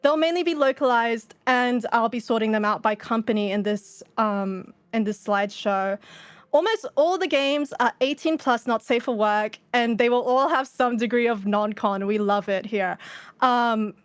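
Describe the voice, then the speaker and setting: This Australian panel presenter gives a relaxed, informal talk to fans at a virtual convention, presented indoors, with occasional cursing. Her fairly high voice is clear and resonant, moving at a normal speed with no room sound at all.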